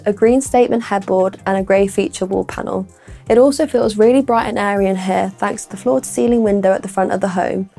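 A woman's voice: medium pitch, creaky, warm tone. A young woman presenting a scripted house tour as a property presenter, with upbeat, complimentary sales patter. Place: indoor rooms of a furnished house. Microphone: lapel mic.

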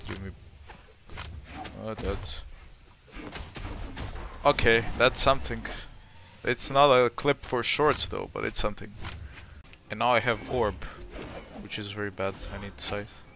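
A man giving casual, slangy gameplay commentary, excitable and given to repeating his exclamations. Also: lowish voice, a little slow, creaky, long pauses, faint music behind. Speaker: gamer, video creator.

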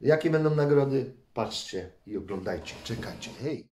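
A man, a father and channel host, giving energetic, cheering toy-game commentary for kids and counting down each try. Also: mid-range voice, moderate pace. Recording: roomy, distant mic, faint noise.

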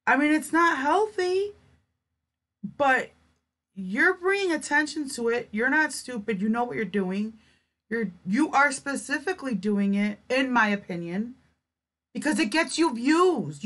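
A woman's voice: high voice, a bit bright. Scornful, blunt reaction commentator woman. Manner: blunt, scornful, swears a lot.

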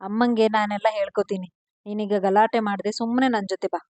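A woman voicing a loving young husband, speaking softly and gently in a storybook reading. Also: mid-range voice, steady tone, a little fast, no room sound, natural voice. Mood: tender.

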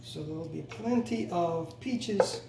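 A middle-aged man hosting a home cooking show guides viewers through a recipe casually, step by step, in a relaxed, instructive way, often correcting himself and repeating "go ahead and." His voice is fairly high, slow and creaky. A camera mic across a bright home kitchen picks him up, so the audio sounds roomy, distant and noisy.

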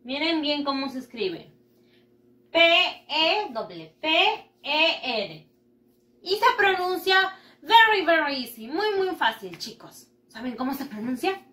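A woman teaching children English, her voice high and bright. She talks slowly and patiently, stretching each word and giving praise again and again. The sound carries a roomy echo. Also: big pitch swings. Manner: slow, patient, exaggerated pronunciation with frequent praise. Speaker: primary school English teacher. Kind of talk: bilingual online lesson for children.

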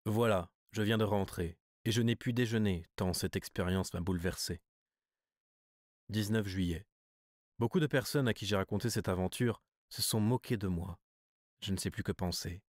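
A man reading a literary story as an audiobook narrator, measured and even. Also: fairly low pitch, dry recording, clean studio sound. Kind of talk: scripted narration.

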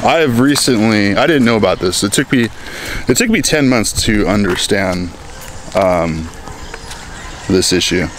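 Filming himself outdoors in a town plaza, camera held at arm's length, this American vlogger in his thirties jokes and rambles casually amid clear street noise. His voice runs on the low side, expressive and unhurried, with long pauses.

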